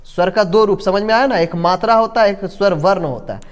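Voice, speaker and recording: Male grammar teacher, high voice, stretched-out demonstration vowels, long reverb tail. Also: clear, resonant tone. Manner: drawn-out vowel demonstrations, constant "ठीक है" checks. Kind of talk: classroom-style grammar lesson. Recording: long echoing reverb in a room.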